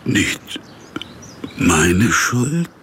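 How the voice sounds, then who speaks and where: A man's voice: sits low, sing-song, pushed and bright, a little hiss or hum, full character voice. A man playing a lonely, misshapen monster in an audio drama, brooding, bitter and anguished. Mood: halting, moved. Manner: slow, brooding, swelling into anguished outbursts. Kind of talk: audio drama acting and narration.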